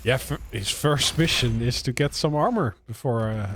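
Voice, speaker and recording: A man co-casting an esports match, hesitant and broken up by frequent pauses. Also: mid-range voice, background noise. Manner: hesitant, lots of "uh" fillers. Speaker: esports co-caster. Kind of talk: casual live esports commentary.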